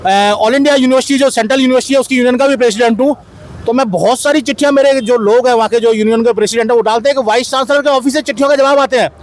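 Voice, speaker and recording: In an impromptu interview at a street-side protest, a union president responds to a reporter with insistence, repeating his arguments. He speaks very fast in an extremely high-pitched voice.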